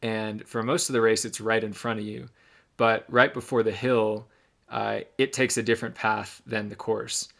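A man's voice: on the low side, normal speed, creaky. A young man co-hosting a podcast, casually recounting a race he ran, with lots of ums and restarts. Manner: relaxed storytelling with many ums and restarts. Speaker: podcast co-host, runner.

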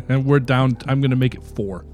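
Brief: male podcast host turned game master, dry crude humor, mid pitch, casual at home. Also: a little slow, a little mellow, faint music behind.

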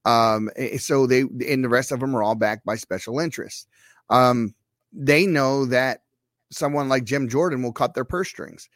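A man's voice: medium pitch, normal speed, a bit bright, no room sound, studio quality. A man hosting a podcast, giving his opinions in an earnest conversational way. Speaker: podcast host. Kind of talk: interview conversation.

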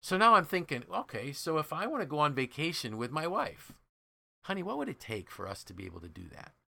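This podcast host and leadership trainer has a fairly high, gravelly, sharp-toned voice with big swings in pitch, and he talks fairly quickly. He tells stories in a relaxed, conversational way, enthusiastic and emphatic, acting out the dialogue he quotes.

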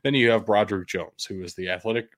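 Low-voiced man giving blunt sports opinions. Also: fast talker, no room sound, studio quality. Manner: opinionated, blunt, occasionally profane. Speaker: sports show host. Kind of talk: casual sports commentary.

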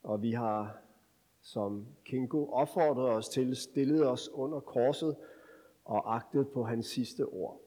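A male pastor giving a scripture reading and sermon with a measured, solemn delivery. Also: medium pitch, dark tone. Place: church. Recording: long church reverb.

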